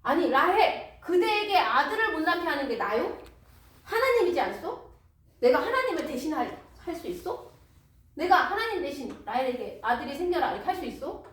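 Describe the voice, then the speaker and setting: A woman's voice: high voice, very animated, moderate pace, fairly bright tone, voice pushed up. A woman voicing Jacob, an exasperated adult man, asking indignant questions in a raised voice during a Bible storytelling. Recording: echoey room, distant mic, faint noise.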